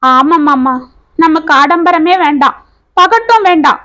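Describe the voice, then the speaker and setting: A woman voicing a gentle, anxious young woman who speaks softly and pleadingly. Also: very high voice, animated, unhurried, full character voice.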